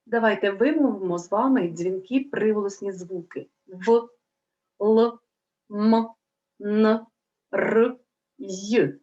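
Slow, careful woman teacher. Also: medium pitch, mellow, lo-fi sound. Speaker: primary school teacher. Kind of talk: recorded lesson for children.

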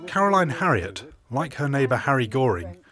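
A man's voice: mid-range voice, big pitch swings, normal speed, over music. A man presenting a documentary walking tour, narrating and interviewing with marvelling enthusiasm on open downland. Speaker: landscape archaeologist presenter.

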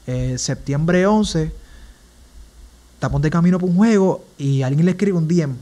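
A man's voice: on the high side, moderate pace, warm tone. A young man with a Puerto Rican accent, a podcast guest telling his personal story earnestly and with emotion. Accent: Puerto Rican Spanish. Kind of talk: personal testimony in a casual interview.

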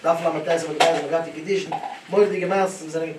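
A man giving a Talmud lesson, animated, his voice rising and dropping sharply as he tells the stories. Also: on the high side, fast talker. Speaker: Talmud teacher. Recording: echoey room, voice from a distance, clear background noise.

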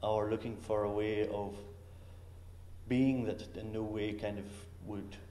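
A man speaks reflectively on a festival panel and pauses often to find words. His voice is low and mellow. The room is roomy and echoing, with faint background noise. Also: steady tone. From Northern Ireland. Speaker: visiting artist. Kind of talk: casual panel talk.

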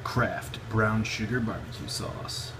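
A man with a lowish voice who takes his time hosts a jokey, informal amateur cooking vlog, chatting casually from his home kitchen. It's captured on a handheld phone or camera, so the recording is noisy.

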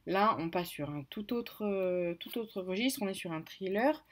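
A woman's voice: mid-range voice, lively intonation, measured pace. A woman casually presenting her reading list, hesitant, with many fillers and self-corrections. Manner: apologetic about pronunciation. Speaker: book vlogger. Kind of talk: casual book haul chat.

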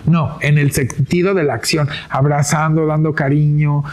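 A man's voice: a little high, flat delivery, moderate pace, darkish tone. A man with a slightly raised voice hosts an interview on a studio set. He talks expressively and gestures broadly, speaking into a handheld mic. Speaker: interview host. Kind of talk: warm-hearted studio interview chat.

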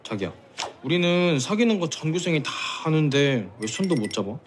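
Lovestruck, lively high school boy. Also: normal speed, slight background noise. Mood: pleading. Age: young adult. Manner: expressive, pleading. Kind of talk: Korean television drama acting, youthful comedy.

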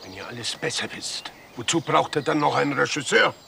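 A man's voice: medium pitch, expressive, moderate pace, natural voice. A man playing a fussy, self-important director of a children's play in a radio drama. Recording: loud noise behind.

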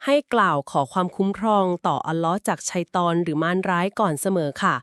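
A woman co-hosting a podcast, calmly and patiently explaining things step by step. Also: fairly low pitch, fast talker, no echo, clean studio sound. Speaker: podcast co-host explaining Quran etiquette.

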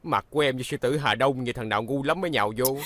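A man's voice: mid-range voice, quick pace, close to an everyday voice. An actor as a teasing easygoing young man. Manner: teasing, relaxed, firm when crossed. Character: easygoing, joking young man, protective of sister. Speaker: journalist.

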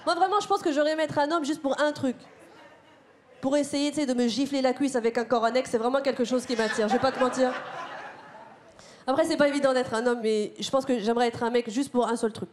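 A woman performing a stand-up comedy set on a theater stage, talking to the crowd in an animated, slangy way. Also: sits high, fast talker. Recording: live theater with loud crowd noise. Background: audience laughter.

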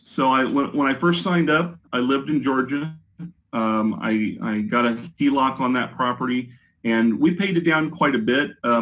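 A man's voice: medium pitch, fairly bright tone, low-quality recording. A man speaks over a choppy video call from his home office, giving a testimonial in an interview. He talks hesitantly, with many ums, you-knows and restarts. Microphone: video call with a poor connection.

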